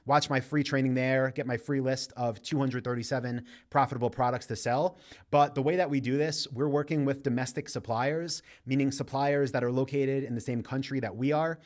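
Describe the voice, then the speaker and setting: A man hosting a live stream, reading viewer questions aloud and answering them in a relaxed, conversational way. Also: mid-range voice, fairly quick.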